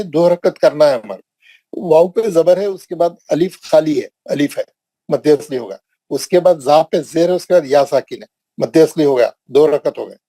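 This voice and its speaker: A man with a Hyderabadi accent leads an online recitation lesson, drawing out and repeating each drill word with great patience. His voice sits a little high for a man yet sounds mellow and dark. The recording is dry and close, with no room echo. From India. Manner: slow and drawn out, repeating drill words for students. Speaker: Quran recitation teacher.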